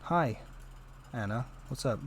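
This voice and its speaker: A man voicing a sardonic spirit trapped inside a staff, with a dry, teasing, deadpan manner. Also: mid-range voice, slow, slight background noise. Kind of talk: tabletop role-play voice.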